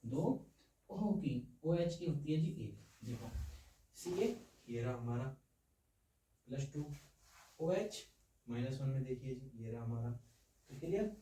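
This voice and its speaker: A man teaches a science lesson slowly, with long pauses, in a warm, animated, medium-pitched voice. His explanations rely on homely, playful analogies, and he checks often that students understand. The room echoes and he sounds far away.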